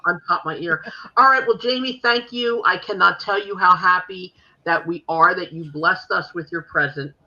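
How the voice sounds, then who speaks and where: A Philadelphia-accented woman hosts a podcast, rambling casually with lots of fillers. She has a fairly low, sharp-toned voice at a moderate pace, captured with lo-fi sound.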